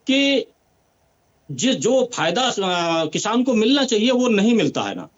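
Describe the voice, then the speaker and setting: A man's voice: extremely high pitch, very animated, unhurried, dull audio. A man on a panel discussion, explaining a problem and offering a suggestion. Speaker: farmer guest.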